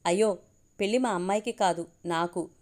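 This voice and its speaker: A woman's voice: medium pitch, moderate pace, a little mellow, close to an everyday voice. A woman voicing a bashful middle-aged man, read in her own plain voice.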